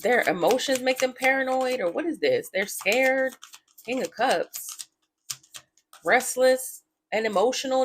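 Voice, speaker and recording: A woman giving a casual tarot reading to her viewers, blunt and profane, often breaking into laughter. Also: medium pitch. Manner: talks straight to her viewers. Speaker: tarot reader.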